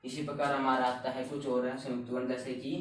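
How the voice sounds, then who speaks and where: A man teaching a grammar lesson, explaining step by step and repeating each word slowly. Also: mid-range voice, completely flat delivery, a little hiss or hum. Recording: very echoey room, voice a bit far from the mic.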